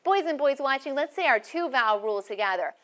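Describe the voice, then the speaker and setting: A woman teaching a first-grade phonics lesson in a classroom, speaking slowly and clearly with encouragement. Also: high voice, animated, fairly bright tone.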